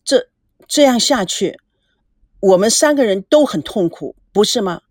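Lady reading a guilty young guy, stammery and defensive, lively pitch. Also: a little slow, no room sound, clean studio sound. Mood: hesitant, defensive. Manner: hesitant, defensive. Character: young man, awkward and guilty.

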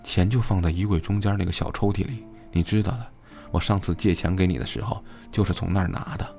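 A man's voice: sits low, fast talker, creaky, darkish tone, faint music behind. A man doing a weak, faint injured man.

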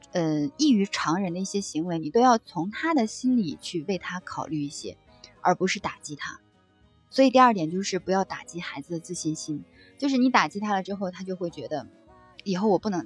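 A woman reading passages from a book aloud and reflecting on them in a gentle, conversational way, with soft fillers between thoughts. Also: on the low side, slightly rough. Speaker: book-sharing presenter.

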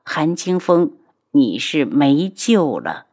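A woman voicing a tired, cold young husband who speaks low and restrained. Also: sing-song, takes it slowly, a little mellow, heavily acted. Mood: cold, weary.

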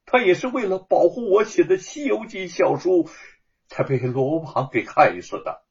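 A man's voice: sits high, expressive, normal speed, slightly rough, muffled recording, voice pushed up, heavily acted. A man voicing Wu Cheng'en, a stubborn, idealistic male scholar and writer in a told story, speaking with heartfelt conviction.

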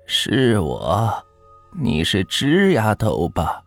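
A man voicing a gentle old grandmother, over 60, who speaks slowly and softly. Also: fairly low pitch, wildly swooping pitch, creaky, soft background music, full character voice. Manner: slow, soft, drawn-out speech.

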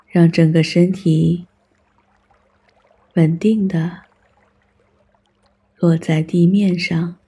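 A meditation guide with a strongly breathy, husky voice. The delivery is very slow and soothing, leaving long pauses between short scripted instructions. The tone is mellow and calm throughout. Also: medium pitch.

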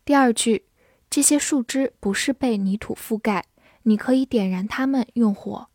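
A woman's voice: fairly high pitch, moderate pace, a little mellow, no room sound, clean studio sound. A woman teaching English vocabulary. She reviews it word by word, saying each word twice and then listing its parts of speech and meanings.

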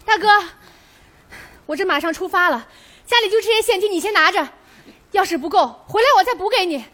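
An actress playing an earnest army wife in a comic sketch, imploring and urgent. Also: female voice, very high voice, a little fast, a bit bright. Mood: pleading. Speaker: daughter in a stage sketch.

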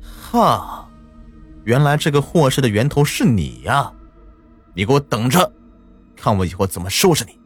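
A man voicing a hot-tempered, bullying middle-aged businessman in an audio story, shouting and threatening. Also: medium pitch, very animated, moderate pace, pauses often, breathy edge, soft background music. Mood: menacing.

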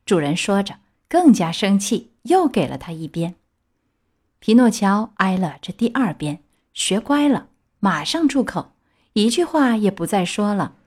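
A woman reading a children's storybook aloud with lively, expressive storytelling. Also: mid-range voice, a little slow, breathy edge.

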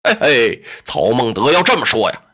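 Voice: mid-range voice, big pitch swings, normal speed, sharp tone, pitched below the performer's own voice. A storyteller voicing a hot-headed, blunt male warrior who blurts out whatever he thinks in traditional storytelling. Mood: brash, blunt.

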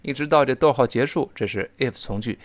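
A man teaching a spoken English lesson, explaining pronunciation and slowly repeating model phrases. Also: medium pitch, dry recording. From China.

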